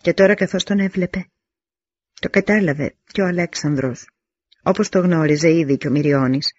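A man reading a novel aloud in a measured, solemn first-person narration, on a dull lo-fi recording. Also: fairly high pitch, no room sound. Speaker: audiobook narrator. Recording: dull lo-fi audio.

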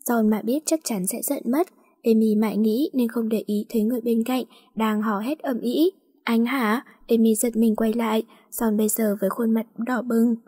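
Soft breathy woman reading a story. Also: a little high. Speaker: audiobook narrator. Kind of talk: reading a romance story aloud, voicing all parts.

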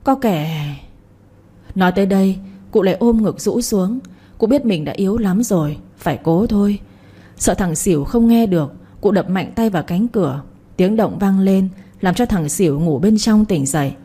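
A woman narrating a novel in a steady storytelling voice. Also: mid-range voice, normal speed, breathy edge.

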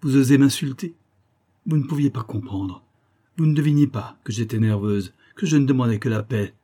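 A man reading the lines of a proud, quick-tempered young aristocratic woman in an audiobook. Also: medium pitch, warm tone, husky. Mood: indignant. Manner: haughty, quick-tempered outbursts.

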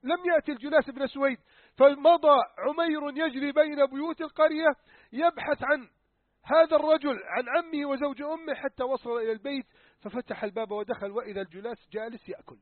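Male preacher, rapid dramatic sermon storyteller, loud one moment and hushed the next, thin phone-line sound. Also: very high voice, fairly even intonation, no room sound. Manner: emphatic, swings between loud urgency and hushed tones. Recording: tinny phone-like dry recording.

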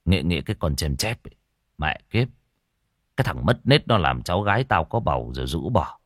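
A man's voice: sits low, sing-song, a little fast, fairly bright tone, no echo, studio quality, voice pushed down, full character voice. A man voicing a bitter, foul-mouthed male villager who speaks coarsely. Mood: angry. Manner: coarse and angry.

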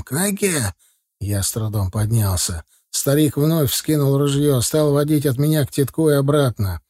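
A man reading a first-person audiobook in a steady, even manner. His voice sits at a medium pitch and is recorded close and dry, with no room sound. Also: no echo. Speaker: audiobook narrator.

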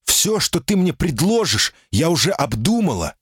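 A man's voice: fairly high pitch, sing-song, moderate pace, slightly rough, dry recording, studio quality, voice pushed up. A man voicing a timid, guarded female golem in human shape, anxious and pleading, in an audiobook reading. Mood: distraught. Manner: anxious, pleading, often cries out.

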